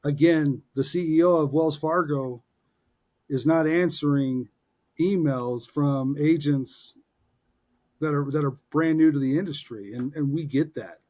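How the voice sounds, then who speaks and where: On a podcast he co-hosts, a man in his forties ribs his partner playfully, staying upbeat and casual, with plenty of fillers and restarts. His voice sits on the high side and is a little mellow, and his pace is measured.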